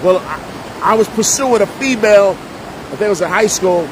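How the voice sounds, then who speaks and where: A man's voice: lively intonation, moderate pace. A middle-aged man from Jersey City, telling his life story in a casual vlog monologue, full of street slang and repetition. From Jersey City, New Jersey. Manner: streetwise slang, repeats himself for emphasis. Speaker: vlogger and preacher. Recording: loud rumbling noise behind voice.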